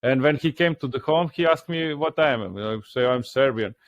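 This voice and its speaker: A middle-aged man from Dalmatia, co-hosting a comedy podcast and telling animated family stories in broken English. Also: medium pitch, moderate pace, dry recording. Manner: animated storyteller, broken English, laughs often. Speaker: podcast co-host. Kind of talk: casual comedic chat.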